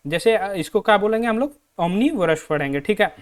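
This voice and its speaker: A man's voice: high-pitched, expressive, clear, resonant tone. Indian man teaching, asks and answers himself. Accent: Hindi. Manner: repeats questions to students and answers them himself; reads English sentences out slowly. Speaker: English teacher. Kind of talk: exam-prep lesson.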